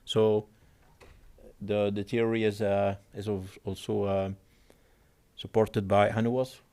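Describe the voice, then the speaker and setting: A man with an other than giving a technical presentation at a conference. He pauses, repeats words and phrases things in his own way. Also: lowish voice, flat delivery, mellow, smooth. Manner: halting, repeats words, non-native phrasing. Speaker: conference speaker.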